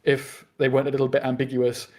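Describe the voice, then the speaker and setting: Fast-talking British man arguing a point. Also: medium pitch, monotone, darkish tone. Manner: fast and earnest, with frequent restarts. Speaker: debater. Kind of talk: debate argument.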